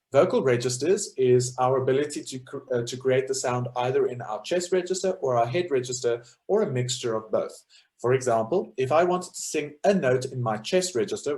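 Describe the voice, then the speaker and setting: A man's voice: mid-range voice, a little mellow. A man giving an informal lecture on choral music, explaining step by step with frequent fillers. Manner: explanatory, thinks aloud with fillers. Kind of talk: informal lecture with sung demonstrations.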